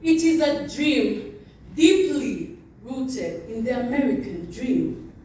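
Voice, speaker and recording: A woman giving an impassioned, oratorical recitation of a famous speech, with deliberate pauses and repetition. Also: fairly high pitch, big pitch swings, mellow, a little hiss or hum. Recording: very echoey, distant from the mic.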